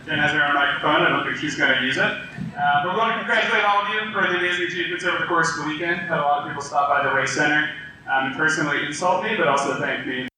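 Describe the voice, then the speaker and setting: A man's voice: on the high side, racing, distant mic, background noise. A man addressing an audience as event organizer, joking at his own expense. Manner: self-mocking, joking. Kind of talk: speech to an audience. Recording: echoey hall mic from afar.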